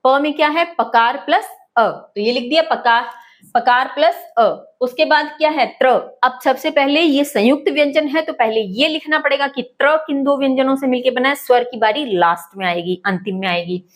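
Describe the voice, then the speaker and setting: A woman teacher with a high voice walks through a lesson step by step. She keeps asking questions and answering them herself, in a patient classroom manner. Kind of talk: classroom-style lesson explaining letters step by step.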